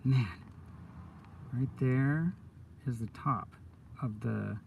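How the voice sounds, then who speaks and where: Excitable, gravelly-voiced man rambling live. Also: mid-range voice, extremely slow, distant mic, narrow, tinny audio, a little hiss or hum. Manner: rambling, excitable, lots of "dude" and "oh my God". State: stoned. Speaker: coin roll hunter streaming live. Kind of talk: casual live-stream chat. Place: in a van.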